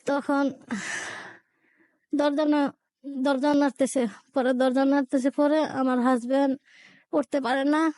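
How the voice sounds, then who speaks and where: A middle-aged woman telling her own life story as a caller, slow and halting, often repeating her phrases. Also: sits high, flat delivery, darkish tone, no echo.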